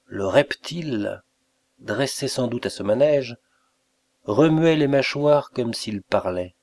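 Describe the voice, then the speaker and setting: A man narrating a classic fantastic tale in a measured, expressive audiobook reading. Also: mid-range voice.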